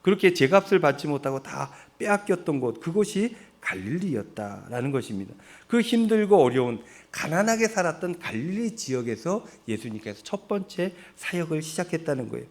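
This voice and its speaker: A man's voice: fairly high pitch, sing-song, fairly quick, few pauses. A middle-aged Korean man from Seoul, preaching a sermon in a chatty way, asking his congregation questions and answering them himself. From Seoul, South Korea. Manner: conversational, asks the congregation questions and answers them, laughs at his own jokes. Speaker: pastor.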